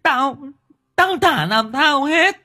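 A man voicing a loud, hysterical middle-aged mother who scolds and wails at a shriek. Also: expressive, moderate pace, full character voice. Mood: tearful wailing. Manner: wailing, scolding at a high shriek.

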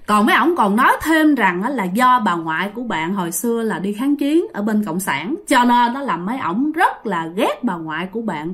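A woman with a Southern Vietnamese accent tells a ghost story casually and chattily, speaking straight to her listeners in a mid-range, fairly bright voice.

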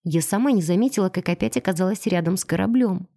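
A woman narrating a first-person audiobook in an even storytelling delivery. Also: medium pitch, quick pace.

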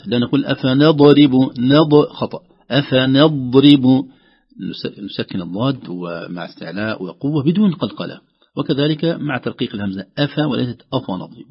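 A man's voice: mid-range voice, expressive, fast, breathy edge. A man teaching Quran recitation on the radio, explaining step by step and drawing out sounds to demonstrate them. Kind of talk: radio tajweed lesson. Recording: dull lo-fi radio audio.

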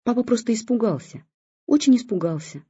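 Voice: mid-range voice, animated, a little fast, breathy edge, no echo, voice pushed up. A reader doing a cooing doting new father. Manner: cooing, soft and fussing. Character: doting anxious new father, middle-aged man. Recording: dull lo-fi recording.

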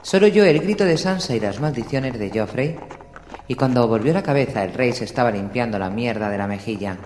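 A man's voice: mid-range voice, expressive, fairly quick, a little mellow. Man narrating in an echoey room. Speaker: audiobook narrator. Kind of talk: audiobook reading. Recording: echoey room with long reverb, faint hiss.

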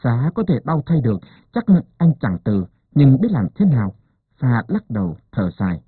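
A man narrating a story as an expressive audiobook reader. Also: medium pitch, normal speed, breathy edge, no room sound. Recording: narrow phone-like dry sound.

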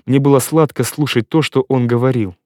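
Brief: emotional young woman read by a man, pleading, mid-pitched, dry studio sound. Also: fairly even intonation, a little fast, a little mellow, dry recording, natural voice. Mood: tearful. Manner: pleading, tearful.

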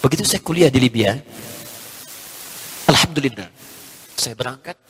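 A male preacher telling a personal story to an audience, speaking straight to the listeners and rising in pitch as the emotion builds. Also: expressive, moderate pace, fairly bright tone. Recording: hissy, reverberant hall recording.

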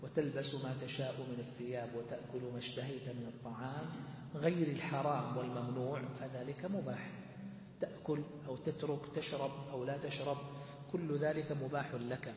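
A man's voice: mid-range voice, fairly even intonation, fairly quick, a little mellow, a little hiss or hum. A man explaining a classical religious text to students in a methodical way, asking questions and answering them himself. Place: large mosque hall. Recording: echoey hall with long reverb.

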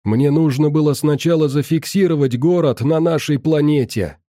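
Guy putting on a jittery defensive scientist, pitched up high, dark mellow tone, dry close sound. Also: unhurried, no room sound, close to an everyday voice. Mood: exasperated. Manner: defensive, pleading, insistent. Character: agitated middle-aged male scientist.

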